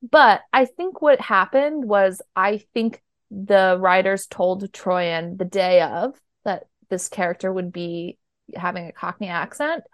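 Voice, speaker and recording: A young woman co-hosting a podcast, tossing in wry, joking asides as she chats. Her pitch is about average for a woman. The sound is dry, with no echo. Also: takes it slowly. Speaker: podcast co-host. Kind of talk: casual chat.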